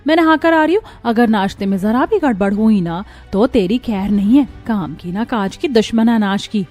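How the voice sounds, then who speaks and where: A woman's voice: mid-range voice, lively intonation, moderate pace, darkish tone, lightly acted. A woman voicing a cruel middle-aged mother-in-law in a cartoon, harsh and taunting, over faint music. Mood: scolding. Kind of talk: cartoon voice acting.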